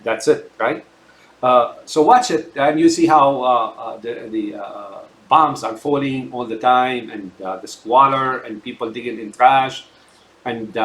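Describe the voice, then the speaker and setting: A man's voice: medium pitch, roomy sound, slight background noise. A man in his sixties, from Syria, ranting about politics in a rambling way, with many filler sounds and repeated tag questions. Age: 60s. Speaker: political commentator. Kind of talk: casual political rant.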